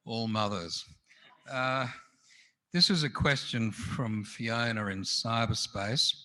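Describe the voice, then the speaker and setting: A man's voice: medium pitch, slow pace, pushed and bright. A man interviewing an author at a festival, asking brief, direct questions.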